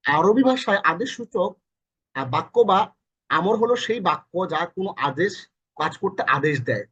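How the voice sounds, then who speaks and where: A man's voice: high-pitched, expressive, moderate pace, sharp tone, husky. A man teaching a Quran lesson in Bangladeshi Bengali, going over each meaning again and again in a chatty way. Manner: repeats each meaning several times, colloquial asides; corrects himself mid-lesson. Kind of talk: recorded lesson explaining Arabic verses.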